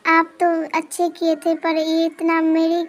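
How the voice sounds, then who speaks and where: A woman voicing a gentle, mistreated young girl in a cartoon story, pleading and tearful. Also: very high-pitched, completely flat delivery, measured pace. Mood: sad pleading.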